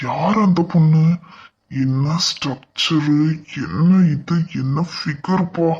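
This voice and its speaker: Cast: man playing a sneering cartoon villain businessman, slow and smug. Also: high-pitched, a bit bright, dull audio. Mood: leering. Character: arrogant male rival businessman, threatening.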